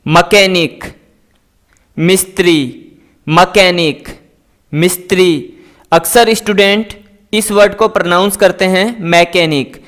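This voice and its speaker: A man teaching English words, saying each word and its meaning twice in a slow, deliberate drill. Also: high voice, steady tone, a bit bright.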